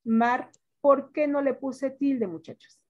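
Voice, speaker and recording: A high-pitched woman with a darkish tone and a Mexican accent teaches a class, quizzing students and lengthening her words slowly. The audio sounds dull.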